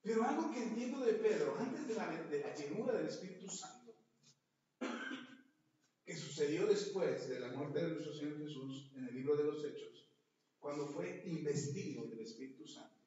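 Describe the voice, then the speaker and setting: A man with a Mexican accent preaching a sermon as pastor, a lively storyteller who jokes and acts out the scenes he reads. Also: on the high side, normal speed, a little hiss or hum. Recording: very echoey, dull lo-fi podcast audio.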